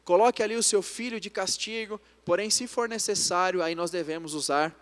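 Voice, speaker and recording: This young man's voice is high, brisk, and a bit bright as he preaches in Brazilian Portuguese, sharing family stories and addressing the congregation as brothers. The sermon is recorded in a church, with long church reverb trailing his words.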